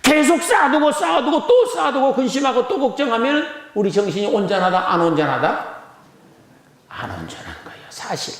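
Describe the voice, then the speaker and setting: A man's voice: very high voice, sing-song, fairly quick, reverberant, a little hiss or hum. A male pastor preaching a Sunday sermon, emphatic, with rhetorical questions and phrases repeated for emphasis. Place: church sanctuary.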